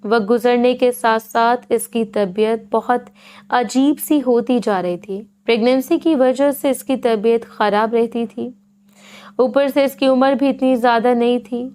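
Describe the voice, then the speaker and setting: A woman reading a romance novel aloud as an audiobook narrator, in a steady storytelling manner. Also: fairly high pitch, clear, resonant tone.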